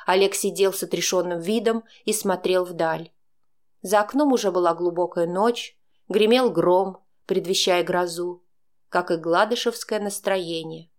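A woman narrating a dramatic first-person audiobook in a measured storytelling manner. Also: fairly low pitch.

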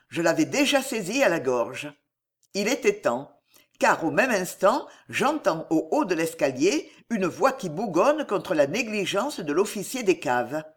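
An audiobook narrator reading a French adventure novel in an animated storytelling manner. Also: medium pitch, breathy edge.

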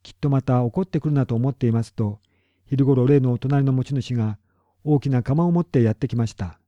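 A man reads a storybook aloud at a calm, measured pace. His voice is dark and mellow, recorded dry and close. The sound is dull and lo-fi. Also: medium pitch, no echo. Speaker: narrator. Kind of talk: storybook reading.

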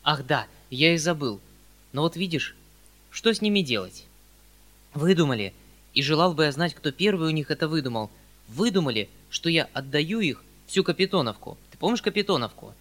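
A man voicing a flustered, kindly old country landowner who talks in a hurried, fussy, pleading way. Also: fairly high pitch, animated, fairly bright tone.

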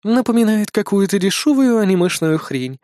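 A man reading an audiobook, voicing a sly young queen who talks in a soft, purring way. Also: sits high, sing-song, normal speed, no echo, clean studio sound, pitched above the performer's own voice. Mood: calm. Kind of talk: audiobook character voice.

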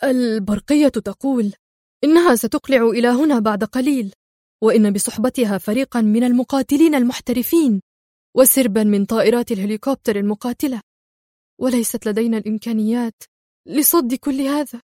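A woman's voice: on the high side, fairly quick, dark tone, no echo, studio quality, lightly acted. A woman voicing a nervous young henchman. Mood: anxious. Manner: tense, deferential. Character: nervous young male henchman, anxious and obedient.

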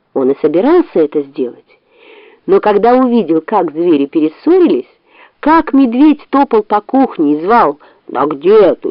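A woman narrating a children's storybook audiobook with an expressive reading. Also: mid-range voice, no room sound. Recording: dull dry studio audiobook.

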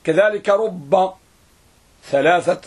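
A man teaching a grammar lesson, who repeats words and draws them out slowly for students to write down. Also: high voice, slightly rough. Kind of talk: classroom lesson.

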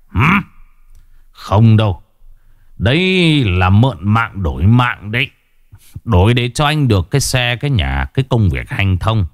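A man playing a grim one-eyed exorcist in a ghost story, speaking low and stern with a reproachful edge. His delivery rises and falls with feeling, recorded close and dry. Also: no room sound. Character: stern one-eyed male exorcist master, older, gruff.

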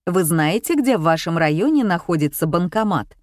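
A woman's voice: lowish voice, expressive, normal speed, darkish tone, dry recording, lightly acted. Brief: a firm, urgent caller claiming to be the bank, read by a woman in an audiobook, dry sound. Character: pushy, official-sounding bank caller on the phone. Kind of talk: audiobook character reading.

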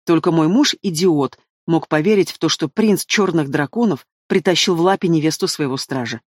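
A man's voice: on the high side, normal speed, no echo, close to an everyday voice. A man voicing a hissing spiteful queen. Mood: scornful. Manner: hissing, scornful.

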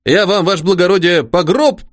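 A man's voice: high-pitched, brisk, no room sound, clean studio sound, pitched above the performer's own voice, natural voice. A man voicing a devoted, old-fashioned soldier-servant who talks in a folksy, fussing way. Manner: rustic folksy speech, fussing and eager. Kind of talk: audiobook character voice.

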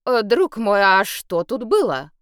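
A woman voicing a tipsy, pompous male elf bard in an audiobook, talking in a high, flowery, theatrical way. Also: big pitch swings, unhurried, fairly bright tone, clear, resonant tone, no room sound, studio quality.

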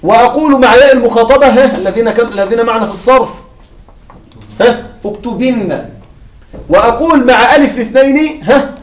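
Male grammar teacher with a very high voice, quizzing the class and repeating key points, recorded from a distance in a roomy space. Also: fast. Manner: asks the class questions and answers them himself. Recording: echoey room, mic at a distance.

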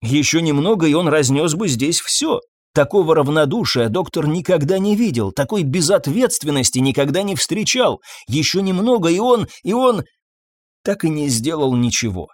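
A man narrating a story with an expressive, theatrical delivery. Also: a little high, normal speed, breathy edge, no room sound, studio quality. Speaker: audiobook narrator.

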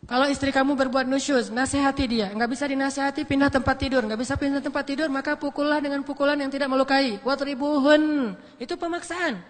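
A man preaches in a chatty, joking way, tossing out rhetorical questions. His voice sits high for a man. A long hall echo hangs on every phrase. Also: fairly even intonation, quick pace. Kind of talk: casual storytelling sermon. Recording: echoey hall.

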